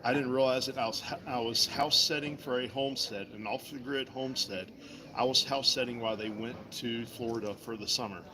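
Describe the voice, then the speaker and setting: A woodcarver from Virginia works at his table in an indoor mall, talking casually and folksily with people walking by as he demonstrates. His mid-range voice is steady and fairly quick, set against background noise and the chatter of a busy crowd.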